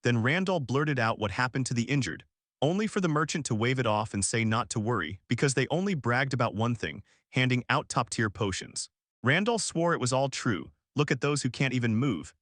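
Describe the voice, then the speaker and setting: A man's voice: mid-range voice, lively intonation, brisk, a bit bright, dry recording. Dry-voiced male recap narrator. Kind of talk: scripted story recap narration.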